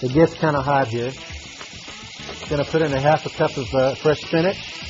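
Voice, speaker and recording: A middle-aged restaurant chef gives a live cooking demo in a TV studio kitchen, wearing a lapel mic and talking folksily with frequent fillers as he cooks. His voice is on the high side, at a moderate pace with fairly even intonation. The audio is dull, and music plays behind him.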